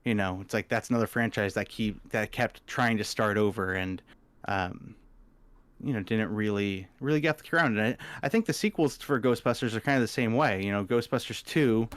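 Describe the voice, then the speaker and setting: A man co-hosting a movie podcast, chatting casually and rambling like an eager fan, his voice jumping up when excited. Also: moderate pace, no echo. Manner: chatty, rambling fan with sudden pitch jumps. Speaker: podcast co-host.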